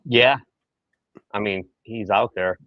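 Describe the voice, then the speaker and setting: Low-voiced man talking through a bag over his head. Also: takes it slowly, no room sound, dull audio. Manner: rambling, many fillers and restarts. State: tired, early morning. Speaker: podcast co-host. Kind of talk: casual sports chat. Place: hotel room.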